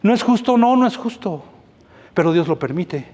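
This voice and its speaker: A high-pitched man preaches in a church, switching between voices as he acts out his own stories. Long reverb from the hall trails each phrase. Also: moderate pace. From Mexico. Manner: animated storytelling, acting out dialogues. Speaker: pastor. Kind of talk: sermon.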